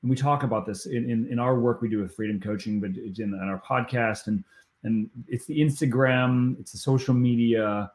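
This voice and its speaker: A man's voice: medium pitch, moderate pace, a little mellow. A man hosting a coaching podcast, talking enthusiastically in casual conversation and often stumbling over repeated words.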